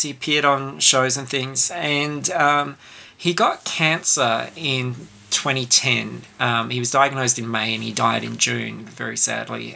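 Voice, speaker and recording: This is a podcast co-host in a relaxed film chat. The voice is bright and carries a gravelly edge. The delivery rambles, full of ums, false starts and restarts. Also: mid-range voice. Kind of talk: casual film review chat.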